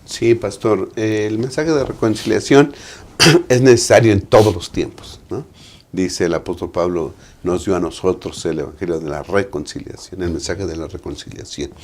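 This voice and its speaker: The Sabbath school lesson is discussed by a pastor with a Mexican Spanish accent and a deep, slightly mellow voice at a moderate pace. He preaches as he goes, regularly adding tag questions.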